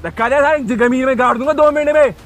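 A young man plays a bullying boyfriend in a staged street drama. His voice sits high for a man, loud when threatening and small when begging. Music plays clearly behind him. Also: fast talker. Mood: aggressive. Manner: shouting threats, then pleading meekly. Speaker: actor in a staged vlog skit.

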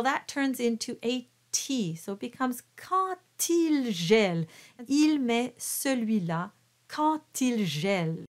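A woman with a voice of middle pitch, coaching choir singers through the words of a song. She explains each sound clearly and methodically, step by step. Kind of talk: coaching walkthrough.

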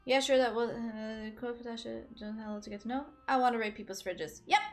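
A young Portuguese woman streams from a headset at a desk in a small room, chatting casually with her live chat viewers. Her voice is a little high and fairly quick with fairly even intonation, and she comes across giggly and rambling. Faint music plays behind her.

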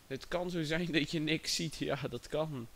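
A man's voice: a little high, steady tone, measured pace, fairly bright tone, slight background noise. A man chatting casually on a livestream, distracted and talking to his chat and a friend. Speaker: livestream host.

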